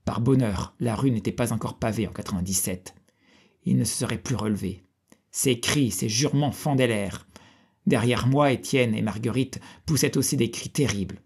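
A man reading a historical novel aloud in a steady, measured way. His voice is gravelly with a husky edge, at a middle pitch. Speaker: audiobook reader.

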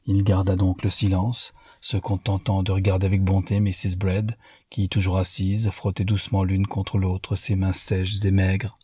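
A man narrating a novel as an audiobook, in a measured literary reading. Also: sits low, completely flat delivery, warm tone, breathy edge, dry recording, clean studio sound.

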